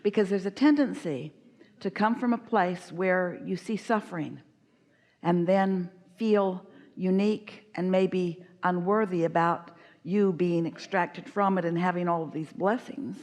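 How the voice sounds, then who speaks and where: A woman's voice: on the low side, measured pace, a little mellow. A woman giving a live spiritual teaching to a guest, speaking as "we" in an emphatic, repetitive cadence. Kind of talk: channeled teaching in a live workshop.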